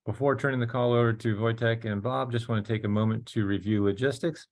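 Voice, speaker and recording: A man moderating a webinar, reading a formal introduction at a measured pace. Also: medium pitch, steady tone. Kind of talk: scripted introduction.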